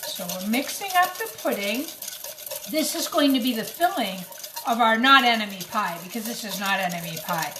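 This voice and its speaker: In a kitchen, a woman with a slightly high, pushed and bright voice walks children through a cooking demo step by step, speaking to them directly and explaining simply. She's animated at a moderate pace, and the recording has roomy echo and clattering kitchen noise.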